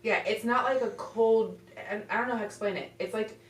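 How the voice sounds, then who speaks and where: A woman's voice: on the high side, brisk. A woman chatting casually as a participant in a ghost hunt. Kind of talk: casual chat. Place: echoey indoor room. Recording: echoey room, distant mic.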